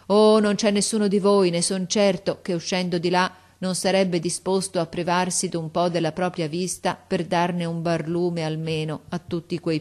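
A woman narrating an audiobook in a measured, expressive storytelling manner. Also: lowish voice. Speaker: audiobook reader.

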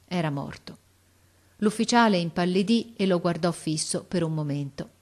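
A woman narrating a storybook in a calm, measured way. Her voice sits on the low side, and her reading is clear and expressive.

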